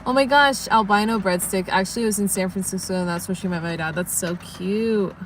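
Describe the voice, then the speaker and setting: A woman's voice: on the low side, fairly even intonation, a little fast, a little hiss or hum. Sleepy chatty woman on a livestream. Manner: rambling, chatty, yawning. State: sleepy, just woke up. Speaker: livestream vlogger. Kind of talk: casual livestream chat.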